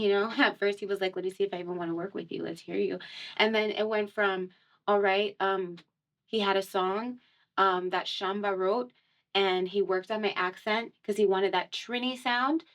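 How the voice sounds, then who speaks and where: Speaking at medium pitch in a steady tone and at normal speed, a young singer from Miami guests on a radio show in the studio. The casual conversational interview finds her chatty and laughing often, with many fillers like "um" and "like."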